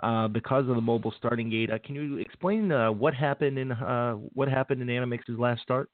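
A man's voice: mid-range voice, brisk, no room sound. A man co-hosting a casual live sports talk show on horse racing. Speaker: co-host. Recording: dry phone-like sound.

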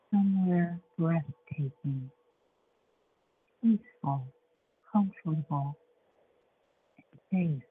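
A woman leading a guided relaxation meditation in a soothing, measured way, with long pauses between short phrases. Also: lowish voice. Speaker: show host and guided imagery facilitator. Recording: dull lo-fi sound with faint background noise.

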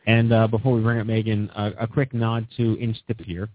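A man's voice: on the low side, level tone, brisk, slight background noise. A man in his forties hosting a radio talk show, chatty and enthusiastic, rambling with many fillers and restarts. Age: 40s. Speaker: host. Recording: dry, tinny phone-like line.

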